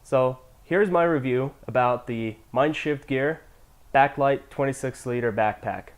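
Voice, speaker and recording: A man's voice: mid-range voice, a little slow. Man with a nasal, stuffy voice. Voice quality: nasal from a cold. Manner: relaxed, loosely scripted, occasional fillers. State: getting over a cold. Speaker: camera gear reviewer. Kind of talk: casual product review.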